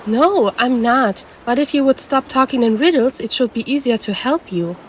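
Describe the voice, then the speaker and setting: Girl doing a siren posing as a lifeguard, kinda high voice, teasing and playful, calls you handsome. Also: animated, normal speed, slight background noise, lightly acted, poor audio. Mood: concerned, puzzled. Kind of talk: audio roleplay to the listener.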